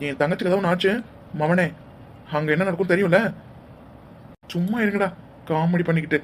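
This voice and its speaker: A man's voice: sits high, steady tone, brisk, a little hiss or hum. A man voicing a protective brother in a cartoon, scolding and sarcastically threatening the other family. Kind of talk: cartoon dialogue acting.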